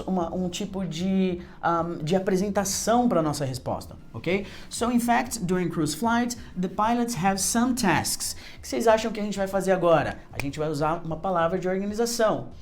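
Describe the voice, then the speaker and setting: A woman with a Brazilian accent teaching an online lesson, explaining in Portuguese and then modeling slow, careful English sentences. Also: medium pitch, expressive, a little mellow.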